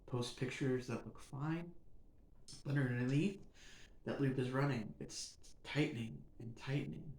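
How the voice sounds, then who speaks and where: Male podcast host, mid-pitched voice, reflective scripted monologue, roomy echoey recording. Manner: measured, earnest, building emphasis in short phrases. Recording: roomy echo.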